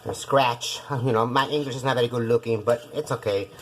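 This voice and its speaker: In her kitchen, a woman from Puerto Rico hosts a relaxed cooking show, chatting in a Puerto Rican accent, Spanish being her first language, and repeatedly calling out "guys" to viewers. She has a very deep voice, fairly even intonation and a brisk pace, with a little background noise.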